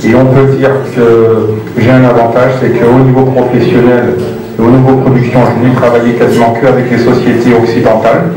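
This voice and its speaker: Flat-toned producer, echoey hall. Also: male voice, medium pitch, a crowd in the background. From Cameroon, raised in France. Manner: measured, many filler pauses, flat intonation. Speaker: music producer. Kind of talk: press conference answers. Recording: echoey hall, far mic, music behind.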